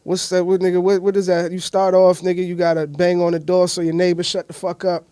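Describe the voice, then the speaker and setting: A man's voice: high-pitched, level tone, fast talker, dark tone, clean tone, dry recording, studio quality. An American man hosting a casual interview, asking questions in blunt, profane slang. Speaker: podcast host.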